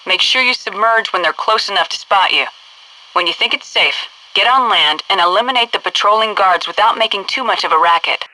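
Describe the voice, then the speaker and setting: A stern, brisk headquarters instructor in a military game is voiced by an actress who barks clipped tutorial commands over a noisy, radio-like line. Her mid-range voice has a sharp edge, and she comes across brisk and instructive.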